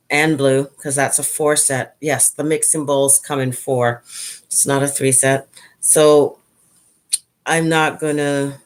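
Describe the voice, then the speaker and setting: A middle-aged woman hosting a casual home chat, talking in a relaxed, hesitant way. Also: low-pitched. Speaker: channel host.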